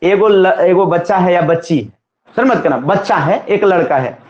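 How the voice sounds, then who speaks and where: A man's voice: sits high, measured pace, a little mellow. A male teacher, drilling students in an exam-coaching lesson with call-and-response repetition. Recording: echoey room, slightly dull sound.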